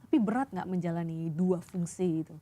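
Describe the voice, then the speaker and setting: A woman's voice: lowish voice, fairly quick, warm tone, slight background noise. A woman from Indonesia hosts a radio interview, asking questions and often murmuring short acknowledgments while her guest talks. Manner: responsive, many short "hmm" backchannels. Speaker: radio host.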